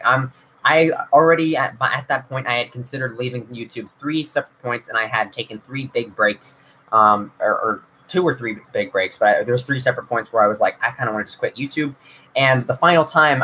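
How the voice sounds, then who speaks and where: A young YouTube host answers viewer questions on a casual livestream, rambling with lots of fillers and frequent restarts. His medium-pitched voice has a sharp tone, and the low-quality recording carries slight background noise.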